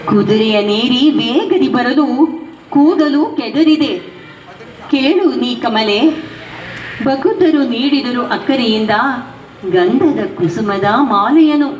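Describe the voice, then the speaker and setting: A woman singing the part of a male god who calms his angry wife, in a slow, drawn-out devotional song. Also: sits high, slight background noise. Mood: pleading. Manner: sung in slow, drawn-out phrases with spoken refrains. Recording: roomy, dull recording with faint music.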